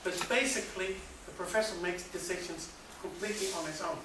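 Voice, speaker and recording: Measured speaker in a very echoey hall. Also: medium pitch. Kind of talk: conference talk. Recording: very echoey hall, far from mic, noisy.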